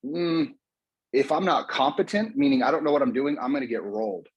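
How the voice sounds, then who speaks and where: An American man delivering a rallying motivational talk, his voice husky and a little breathy. He pushes his listeners with energetic, repetitive coaching, circling back to the same points again and again. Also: fairly high pitch, a little fast, highs cut off. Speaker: motivational speaker.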